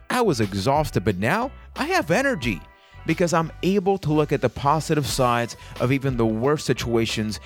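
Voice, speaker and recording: A man hosting a solo podcast, talking earnestly and motivationally straight to his listeners. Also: mid-range voice. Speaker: podcast host. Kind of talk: reflective solo podcast talk.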